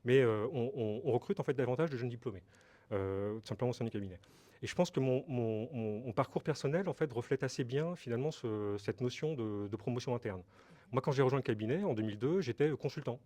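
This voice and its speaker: With a dark tone and medium pitch, a middle-aged company director from Brittany, France, speaks fast as he answers interview questions. His explanations are hesitant, full of fillers and words said more than once.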